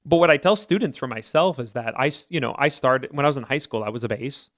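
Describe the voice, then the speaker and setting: On a podcast, a male co-host who teaches choir explains choir voice types in a relaxed, thoughtful way, often hedging with "I would say." He speaks quickly at an ordinary middle pitch, and the sound is dry and close with no room around it.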